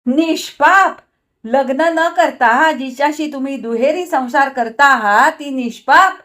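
A woman voicing a shrill jealous wife. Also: moderate pace, close to an everyday voice. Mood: furious. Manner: shrill, accusing. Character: jealous, furious young wife.

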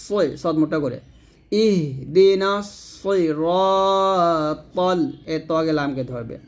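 A man teaching Quran recitation letter by letter, chanting verses slowly and then explaining pronunciation plainly. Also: a little high, mellow. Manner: slow drawn-out chanting alternating with plain instruction. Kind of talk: spelling-out recitation lesson.

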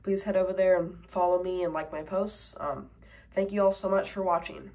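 With a fairly low, darkish voice at normal speed, a woman suffering from a cold gives a loose, filler-heavy toy review. She's handling the toys as she talks, recorded at a tabletop through a camera mic.

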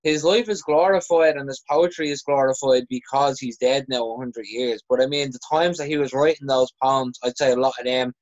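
A man's voice: medium pitch, steady tone, a little fast, hardly any pauses, darkish tone, no room sound. An Irish man, a poet, speaking frankly and reflectively in a podcast chat, often restarting his sentences. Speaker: poet guest. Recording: dry, dull sound.

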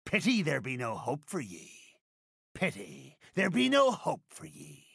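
Swaggering older game pirate captain, raspy and forceful, pitched fairly high, thick West Country pirate accent, grand archaic delivery. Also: male voice, wildly swooping pitch, unhurried, no room sound, clean studio sound, full character voice. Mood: taunting. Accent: theatrical West Country pirate. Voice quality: gravelly, raspy. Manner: theatrical, rolling archaic pirate phrasing. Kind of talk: video game character voice lines.

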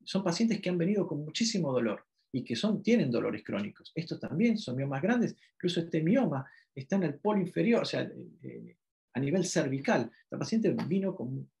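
Gravelly-voiced guy from argentina teaching ultrasound, a bit high, keeps checking in with the class. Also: sing-song, moderate pace, a little mellow. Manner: explanatory, frequent questioning "¿m?" tags, self-corrections. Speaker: ultrasound lecturer. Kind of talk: medical lecture.

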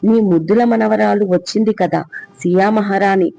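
A man voicing a loud, accusing middle-aged aunt in an audio story, shouting and mocking. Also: mid-range voice, fairly even intonation, moderate pace, vocal fry, no echo, dull audio. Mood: shrill accusing.

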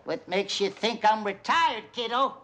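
An actor playing a hard-of-hearing, gruff mailman in his seventies, in a 1970s sitcom. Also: high voice, lively intonation, measured pace. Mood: cranky. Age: 70s. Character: deaf cranky old mailman, 74. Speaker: retired mailman neighbor. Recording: hissy 1970s TV broadcast.

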